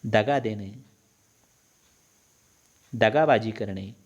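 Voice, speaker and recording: A man's voice: fairly low pitch, very slow, dull audio. A male teacher explaining a lesson, restating phrases and defining words as he goes.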